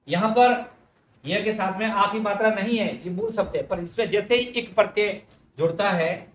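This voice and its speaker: A man's voice: high voice, echoey room. A man teaching correct Hindi spelling, explaining each word patiently and speaking directly to his students.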